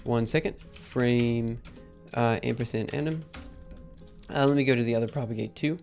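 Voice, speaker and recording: A man hosting a live coding stream, thinking aloud in a halting, casual way with many ums. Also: medium pitch, fairly even intonation, vocal fry, a little mellow, faint music behind. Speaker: livestream host.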